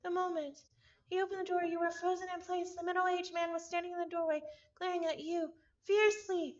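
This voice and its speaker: A woman with a very high voice reads a story aloud live as a visual novel reader and streamer, adding casual asides. Her delivery is flat and brisk, she often stumbles over and repeats words, and the recording is muffled.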